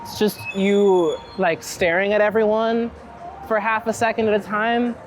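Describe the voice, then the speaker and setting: On a walking interview through city streets, this Philadelphia street photographer talks casually, wry and meandering but thoughtful, in a mid-range, level voice at a measured pace. The rough recording picks up traffic, passing vehicles, and soft background music.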